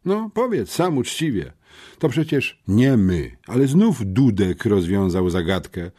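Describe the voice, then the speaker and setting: A man's voice: on the low side, big pitch swings, measured pace, mellow, husky, voice pushed up, exaggerated voice. A man voicing a determined, curt teenage schoolboy detective in an audiobook, speaking firmly. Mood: earnest. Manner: stern, curt.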